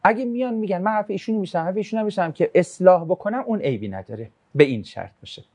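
A religious class teacher gives a relaxed, conversational lesson in a medium-pitched voice, reading student questions aloud and answering them with jokes. When recounting a religious tradition, the teacher shifts into storytelling.

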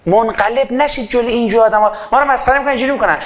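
A man giving an impassioned sermon into a microphone. He swings between loud fervor and quiet asides and acts out little dialogues. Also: very high voice. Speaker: preacher.

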